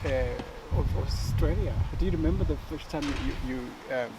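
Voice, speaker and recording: A man's voice: on the high side, moderate pace, heavy background noise. A man from Malawi hosting a casual interview, asking rambling questions and laughing often. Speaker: host.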